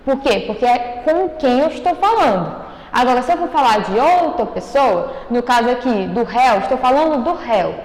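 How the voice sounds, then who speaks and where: A woman's voice: on the high side, animated, moderate pace, darkish tone. A woman teaching a writing lesson to schoolchildren, patiently checking that they follow with frequent "ok?" and "né?". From Brazil. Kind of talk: recorded online class. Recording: echoey room, long reverb.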